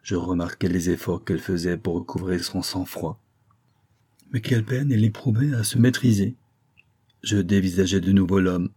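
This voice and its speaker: A man narrating a literary story aloud in a measured, even manner. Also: deep voice, breathy edge. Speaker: audiobook narrator. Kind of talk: scripted narration.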